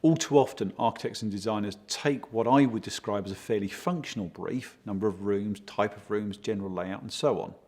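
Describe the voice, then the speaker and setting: A man working as a project consultant, giving steady, explanatory interview answers and leaning on key words. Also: fairly low pitch, brisk, hardly any pauses. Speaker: project consultant for a home design firm.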